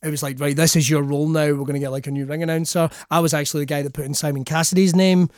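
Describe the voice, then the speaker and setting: A man's voice: fairly high pitch, level tone, racing, darkish tone, no room sound, studio quality. A Scottish man chatting casually, telling jokey, sweary anecdotes and acting out the lines he quotes. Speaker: wrestling commentator and guest.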